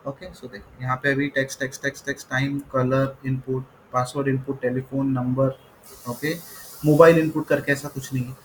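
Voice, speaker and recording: A man's voice: medium pitch, slight background noise, poor audio. A man teaching a coding tutorial, mixing Hindi and English, saying "okay" often and spelling words out letter by letter. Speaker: coding instructor. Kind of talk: screen-recorded coding tutorial.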